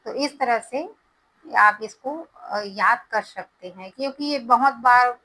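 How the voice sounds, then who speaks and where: A woman teaches a grammar lesson, explaining each point step by step. Her voice is bright and a little high. She speaks slowly and carefully. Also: low-quality recording.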